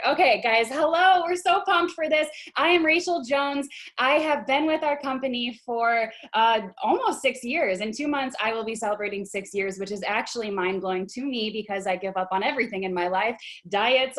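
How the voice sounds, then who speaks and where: A bubbly young woman hosts a casual video call, talking through a computer mic. Her voice sits a little high, and her chatter is excited and full of fillers. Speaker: host of a business video call. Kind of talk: casual livestream talk.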